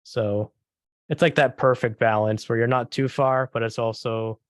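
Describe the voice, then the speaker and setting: A man's voice: mid-range voice, steady tone, moderate pace, smooth, dry recording. A man from New Hampshire on a panel, describing his rural hometown in an easygoing, rambling way. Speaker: panel guest. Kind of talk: casual panel chat.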